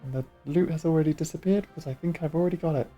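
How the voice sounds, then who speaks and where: A man casually commenting while playing a video game, making wry deadpan jokes. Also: a little high, rapid-fire, faint music behind. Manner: wry, joking, deadpan asides.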